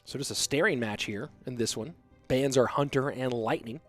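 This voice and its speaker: At normal speed and in a mid-range voice, a young man with a stuffy, cold-affected nose talks over soft background music. He's an esports commentator on a casual solo cast, covering play-by-play and reading chat. He keeps it relaxed and chatty, responding to chat questions between plays.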